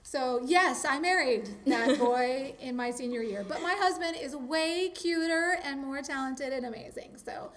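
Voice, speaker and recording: A woman talking casually in an interview, chatty and animated, with lots of likes and ums. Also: high voice, unhurried, few pauses. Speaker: interviewee, teacher.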